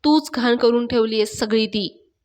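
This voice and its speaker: Woman reading as an angry young man, accusing and scolding, a little high-pitched. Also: moderate pace, a little mellow, in a large hall, lightly acted.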